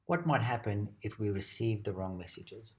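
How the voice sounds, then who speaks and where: A man with a lowish voice reads an educational presentation in a steady, measured way. His delivery is calm and scripted, like a narrated lesson.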